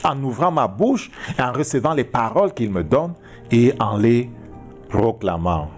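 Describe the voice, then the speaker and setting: A male pastor teaching a sermon, talking deliberately and checking in with his listeners. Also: medium pitch, animated, soft background music. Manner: slow, deliberate teaching with frequent "ok?" and "tu comprends?" checks.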